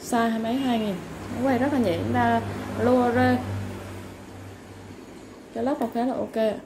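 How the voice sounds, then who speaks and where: A woman seller giving a polite, informal product sales pitch, going item by item with repeated stock phrases. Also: fairly even intonation, normal speed. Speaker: online seller of used fishing reels. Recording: clearly noisy background ambience.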